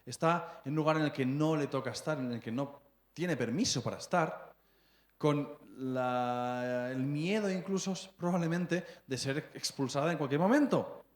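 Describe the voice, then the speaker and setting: A man in his thirties with a Spanish accent preaches at normal speed in a fairly high voice. Chatty and prone to checking in with the congregation, he stumbles and repeats words while looking for phrasing, and the church hall sounds echoey.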